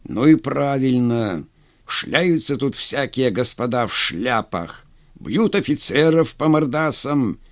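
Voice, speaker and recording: A man voicing a stern, contemptuous army general who speaks gruffly, in a commanding way. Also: medium pitch, expressive, slow, dry recording, clean studio sound. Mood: stern scorn.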